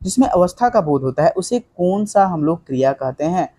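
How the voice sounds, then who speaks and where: A young male coaching teacher runs an online exam-prep class, reading out quiz questions and asking his students for the answers. His voice sits slightly high but sounds soft and mellow. He talks casually, keeps saying "ठीक है" and drops in English phrases. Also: animated, normal speed. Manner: conversational, fills with "ठीक है", quizzes students rhetorically, mixes in English.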